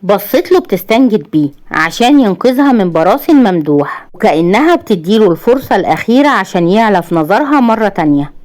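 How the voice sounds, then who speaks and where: Fast-paced Egyptian woman storyteller. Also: medium pitch, big pitch swings, a little mellow. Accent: Egyptian Arabic. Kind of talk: dramatic story narration.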